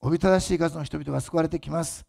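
A male pastor, preaching a fervent sermon that swells loud for emphasis and drops to soft asides for the congregation. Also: a little high, fairly even intonation, racing, vocal fry.

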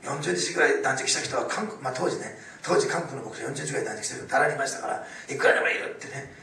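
Male pastor, sermon storyteller, fast delivery, whispers to loud bursts, distant mic, faint room ambience. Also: medium pitch, heavy reverb, slight background noise. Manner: storytelling, swings from hushed whispers to loud exclaiming.

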